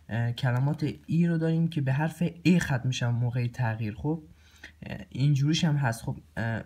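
Man teaching with halting fillers. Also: medium pitch, warm tone. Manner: halting, many filler sounds and throat clearing. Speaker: language teacher. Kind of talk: recorded lesson explaining grammar.

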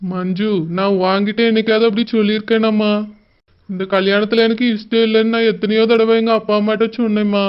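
A man's voice: sits high, flat delivery, brisk, clean tone, dull audio, close to an everyday voice. A man playing a young village groom who apologizes and explains himself, with a Kanyakumari accent. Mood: pleading. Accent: Kanyakumari Tamil. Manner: pleading, apologetic.

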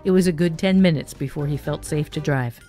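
A woman's voice: a little fast, faint music behind. A woman narrating a short story, giving the characters their own voices. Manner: expressive, voices characters with raised pitch.

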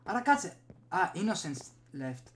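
This young Greek video host has a high-pitched, sing-song voice. He talks casually over his gameplay, mostly muttering to himself, from a small room at home into a desktop USB microphone.

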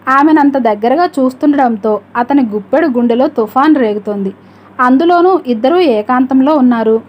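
A woman narrating an audiobook story in a steady, measured reading voice. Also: sits high, highs cut off.

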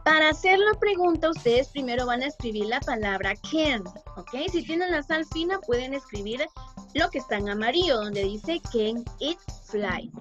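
A bilingual schoolteacher leads an online class for young children with a high, bright voice and a patient, gentle way of explaining. Children's music plays clearly in the background of the call. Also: female voice, lively intonation, normal speed, lo-fi sound. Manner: patient, switches between English and Spanish, calls pupils "mi amor". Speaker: primary school English teacher. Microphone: video call.

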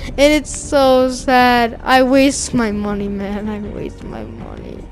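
A fairly high-voiced woman chats over her gameplay in a loose, slangy way, quick to yell and laugh at what happens on screen. Faint game music plays underneath. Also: sing-song. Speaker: gamer streaming gameplay. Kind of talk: casual gameplay commentary.

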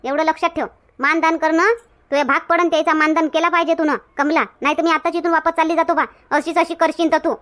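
A woman's voice: very high voice, flat delivery, quick pace, a bit bright. An actress with a Varhadi Marathi accent playing a blunt, outspoken village woman who scolds and lectures in a comedy skit. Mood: scolding. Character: outspoken village woman Shantabai, quick to flare up. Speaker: comic actor.

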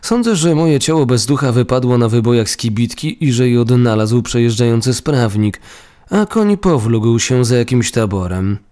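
A man's voice: medium pitch, expressive, normal speed, dark tone, lightly acted. A man voicing the ghost of a young nobleman who has lost his body, speaking in humble, formal petitioning language. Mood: formal pleading.

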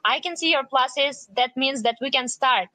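Speaking at a measured pace in a high, bright voice, a woman renders each phrase into English right after the speaker, sometimes with loose wording. The recording is close and dry, with no room sound.

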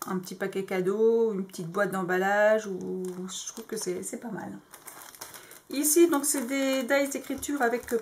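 A woman with a medium-pitched voice vlogs in French, casually showing off her crafting dies in a show-and-tell style full of hesitant fillers. There's slight background noise.

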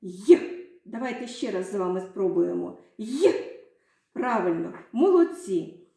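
A woman's voice: medium pitch, very animated, a little slow, gravelly, dark tone. A woman teacher leading a children's literacy lesson, telling a short story and coaxing the class through sound drills in a sing-song, encouraging way. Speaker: primary school teacher. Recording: very echoey room.

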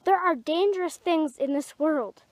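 Protective widowed mother rabbit played by a woman, anxious scolding tone, high voice, dry close recording. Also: unhurried, no echo. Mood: scolding, tender.

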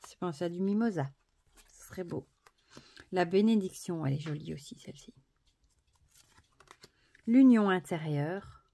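A woman presenting an oracle card deck, softly admiring each card and then reading the booklet text aloud. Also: lowish voice, normal speed, vocal fry, long pauses.

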